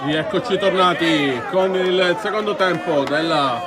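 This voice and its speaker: A man giving breathless, excited play-by-play goal commentary on a futsal match, bursting into shouts. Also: sits high, a little slow. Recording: noisy sports venue with loud crowd. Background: crowd noise.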